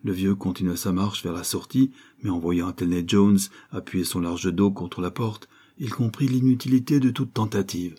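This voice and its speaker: A man reading a novel aloud in an even, measured first-person narration. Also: low voice, slightly rough. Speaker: audiobook narrator.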